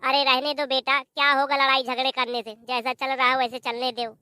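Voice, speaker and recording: A woman's voice: high-pitched, level tone, a little fast, sharp tone, smooth, no room sound. A woman doing a weary old village mother. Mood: resigned. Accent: Bundelkhandi Hindi.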